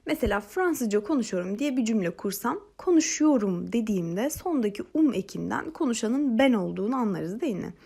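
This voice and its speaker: Woman from Turkey, patient French teacher, gravelly and breathy, lively pitch, repeats phrases slowly. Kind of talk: language lesson narration.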